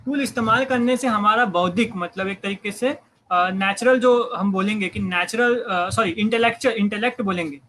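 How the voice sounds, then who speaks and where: A man's voice: high-pitched, moderate pace, pushed and bright, a little hiss or hum, rough recording. A man explaining human evolution in casual talk, hesitant, with many fillers and restarts. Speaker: guest biologist explaining evolution.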